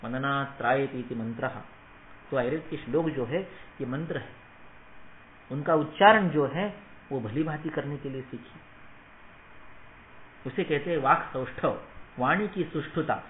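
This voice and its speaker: A man's voice: mid-range voice, normal speed, long pauses. A man giving a motivational lecture to students, emphatic and rhetorical, checking for assent and mixing Hindi with English phrases. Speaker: Ayurveda teacher. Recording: echoey room, tinny phone-like sound, faint noise.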